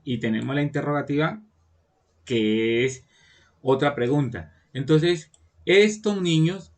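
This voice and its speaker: A man, teaching an online class to children, patiently explaining and often checking that they follow. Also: mid-range voice. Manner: patient, repeats "¿listo?" to check understanding.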